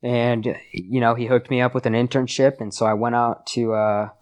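A man's voice: mid-range voice, little pitch movement, normal speed. A young American man chatting casually and telling stories in laid-back bro talk, full of "dude" and "like.". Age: young adult. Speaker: podcast guest, sports podcast host.

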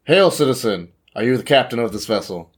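A man's voice: mid-range voice, lively intonation, a little fast, husky. A man voicing an earnest male orc adventurer who speaks in stilted, formal phrases.

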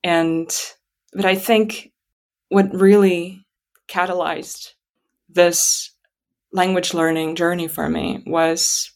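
A woman whose native language is Russian speaks in a slightly low voice. She tells stories about herself conversationally, pausing and thinking aloud as she goes. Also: flat delivery, vocal fry. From Kazakhstan. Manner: halting, reflective, thinking aloud. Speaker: interview guest. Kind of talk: conversational personal storytelling.

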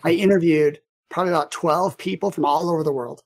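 A man's voice: fairly high pitch, fairly even intonation, fast, creaky. Male podcast host, easygoing interviewer, lots of "uh"s and restarts. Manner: chatty, lots of fillers and restarts. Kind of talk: casual interview.

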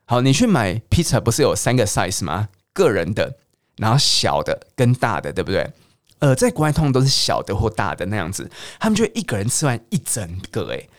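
Brief: middle-aged man from Taiwan, chatty English teacher, animated delivery, dry close sound. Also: on the low side, brisk, no room sound. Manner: lively, chatty, mixes English words into Mandarin. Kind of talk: casual teaching monologue.

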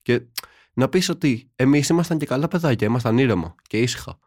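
A man's voice: medium pitch, lively intonation, a little mellow, dry recording, clean studio sound. A young man co-hosting a podcast, chatting casually and telling ironic, slang-filled stories. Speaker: podcast co-host. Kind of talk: casual chat.

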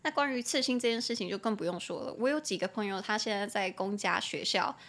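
A woman with a Taiwanese Mandarin accent hosting a solo English-lesson podcast, chatting casually and spelling words out slowly letter by letter. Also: medium pitch, expressive, a bit bright. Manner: chatty, opinionated asides. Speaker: podcast host and English teacher.

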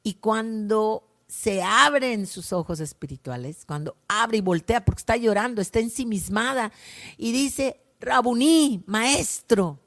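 Soft-spoken woman giving a prayerful reflection. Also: mid-range voice, lively intonation. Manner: slow, prayerful, softens to a hush at line ends. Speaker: worship leader. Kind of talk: gospel reflection.

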